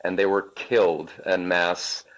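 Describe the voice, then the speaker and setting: Man from Poland, very low voice, muffled lo-fi sound, earnest caller. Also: little pitch movement, unhurried. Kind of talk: casual chat. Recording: dull lo-fi audio.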